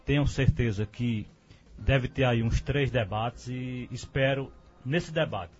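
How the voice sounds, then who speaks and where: A man of middle pitch speaking firmly and steadily as a radio debate guest. The sound is dull and lo-fi, with faint music behind him. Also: slow. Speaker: guest commentator.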